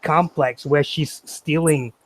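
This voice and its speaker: Rambling higher-voiced man, dry sound. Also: fairly even intonation, slow, no room sound. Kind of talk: casual chat.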